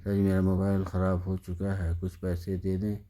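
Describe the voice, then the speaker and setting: A man's voice: sits low, monotone, dark tone, lightly acted. A man reading the lines of a weary, hopeful young woman in a sad story, in his own narrating voice. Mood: pleading.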